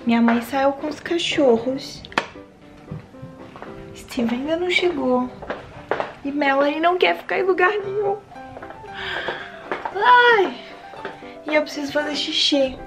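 A young woman vlogging casually at home, chatting and talking softly to her new baby. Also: high voice, a little slow, long pauses, loud music behind the voice. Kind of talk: casual home vlog chat. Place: home kitchen.

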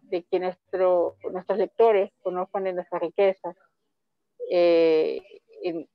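A woman's voice: lowish voice, slow pace, vocal fry, dry recording, highs cut off. A woman from Ecuador, a comic author, presenting her books in a rambling, chatty way with many restarts over call audio. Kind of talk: online book fair presentation.

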